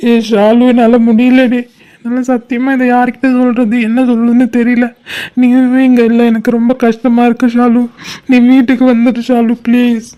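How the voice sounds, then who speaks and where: A voice actor playing a heartbroken, emotional young man in an animated comedy-drama, talking in a distressed, pleading way. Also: sits high, brisk, dull audio, lightly acted. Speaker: cartoon character.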